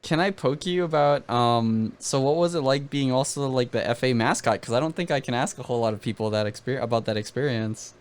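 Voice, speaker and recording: Host: man, mid pitch, chatty and curious, laughs easily between questions. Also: fairly quick, few pauses, slight background noise. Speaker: interview host. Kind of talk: casual chat.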